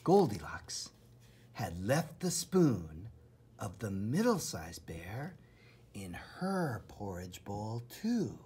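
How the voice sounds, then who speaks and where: With a lowish, breathy and husky voice, a man performs a children's storybook reading that is dramatic, expressive and carefully paced.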